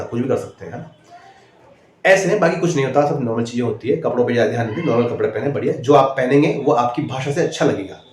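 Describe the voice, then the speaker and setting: A man coaches his viewers through interview preparation in a direct, instructive way and keeps tagging his sentences with "है ना". His voice sits at a middling pitch. The room around him is echoey, with a faint hum behind. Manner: repeats "है ना" as a tag, direct and instructive. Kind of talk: casual advice video.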